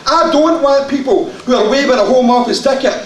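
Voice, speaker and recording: Glaswegian man, fiery conference delegate, very high voice, shouts with jokes, boomy far-off hall. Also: a little fast. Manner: impassioned, shouting, joking asides. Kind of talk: conference floor speech. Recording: echoey hall from far off, faint crowd and hiss.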